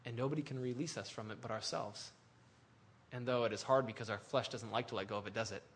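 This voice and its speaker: A male pastor preaching a sermon in an animated, conversational way, full of restarts and asides. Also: medium pitch, fast.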